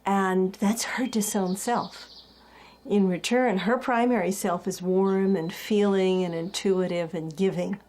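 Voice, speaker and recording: A woman explaining psychology in a calm, measured lecture. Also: medium pitch. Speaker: psychology teacher.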